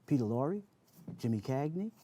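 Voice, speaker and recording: Animated, earnest man being interviewed. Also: mid-range voice, normal speed. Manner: earnest, emphatic, repeats phrases for emphasis. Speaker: interview guest, spoken word performer. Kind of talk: conversational interview talk.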